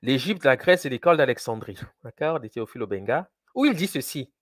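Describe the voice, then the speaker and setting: A man's voice: medium pitch, sing-song, quick pace, no room sound. Emphatic man giving a dry-sounding lecture. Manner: emphatic, repeats key words, restarts often. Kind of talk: recorded lecture.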